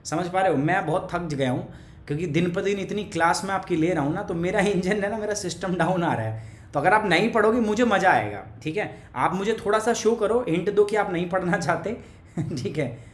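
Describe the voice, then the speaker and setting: A man's voice: sits high, fairly quick. Joking male teacher in an echoey room. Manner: joking, teasing, talks to viewers by name. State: has a cough. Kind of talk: live online class, chatty lecture.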